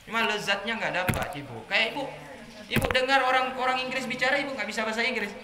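A male preacher with a high voice gives a study sermon to a women's group. He tells lively stories and climbs higher for the anecdotes. The recording has a roomy echo and steady background noise. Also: fast. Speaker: Islamic preacher. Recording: echoey room with background noise.

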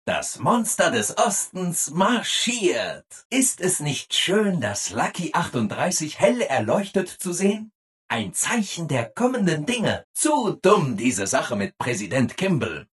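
A man voicing a relentlessly cheerful, eager-to-please robot assistant in a video game, over-polite and exaggeratedly upbeat, with a husky voice. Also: on the high side, wildly swooping pitch, slow pace, a bit bright, heavily acted. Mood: gushing, upbeat.

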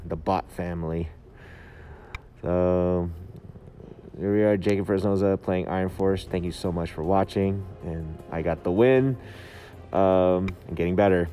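A man giving halting, casual gameplay commentary, his voice muffled by a face mask. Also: sits low, mellow. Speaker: gamer narrating own gameplay video. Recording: game music and gunfire behind. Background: game music, gunfire, vehicle sounds.

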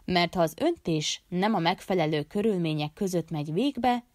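Woman audiobook narrator, low-pitched, calm measured delivery, dry booth sound. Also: no room sound. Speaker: audiobook reader.

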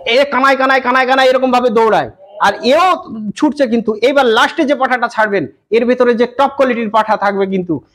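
A goat farmer from West Bengal explaining breeding to an interviewer, often checking that the listener follows. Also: male voice, very high-pitched, fast talker, a bit bright. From West Bengal, India. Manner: repeats "কিন্তু" and "বুঝতে পেরেছেন?" often. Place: goat farm, outdoors.

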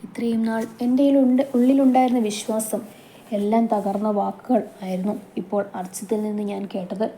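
Mellow-voiced woman reading a love story. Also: a little high, fairly even intonation, fairly quick, a little hiss or hum. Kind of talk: romantic story narration.

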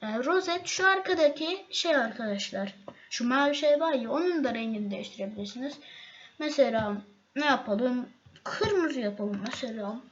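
A woman talking viewers through a software tutorial on her screen, halting often with fillers and restarts. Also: high-pitched, animated. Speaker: tutorial host. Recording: slightly dull, faint noise.

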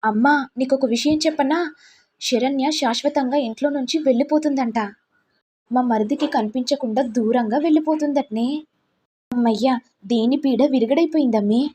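A woman's voice: high voice, normal speed, warm tone, breathy edge. A woman voicing a scheming young daughter-in-law in a told family drama, sly and plotting. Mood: gloating.

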